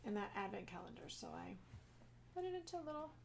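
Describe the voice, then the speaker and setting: A woman co-hosting a casual craft podcast, chatty and quick to laugh. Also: mid-range voice, sing-song, creaky, slight background noise. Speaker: podcast co-host. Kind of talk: casual chat. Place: lives in Texas.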